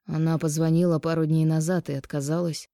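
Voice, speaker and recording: A woman reading an audiobook, voicing a remorseful middle-aged ex-husband who speaks low, quiet and slow. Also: level tone, dry recording, clean studio sound. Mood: weary, thoughtful.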